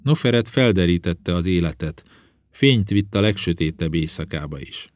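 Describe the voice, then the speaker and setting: A man narrating an audiobook in a calm, even reading voice. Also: deep voice. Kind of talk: scripted narration.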